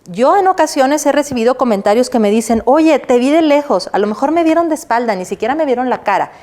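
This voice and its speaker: A woman's voice: on the high side, animated, fast, darkish tone. A woman lecturer from Mexico teaching a recorded university class. She asks the class questions and answers them herself, and checks in with "¿sí?" as she goes. Now and then she acts out what she explains, such as a way of walking. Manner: checks in with the listener by adding "¿sí?"; demonstrates walking and a pencil exercise while she talks.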